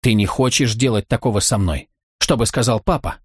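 A man voicing a frantic young policewoman pleading with and shouting at her brother. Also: fairly low pitch, brisk, husky, no room sound, clean studio sound.

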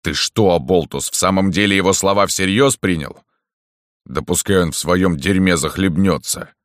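Guy doing a rude storybook thug, snappy and coarse, deep dry voice. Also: moderate pace, dry recording, close to an everyday voice. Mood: contemptuous. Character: rude, crude male thug boss.

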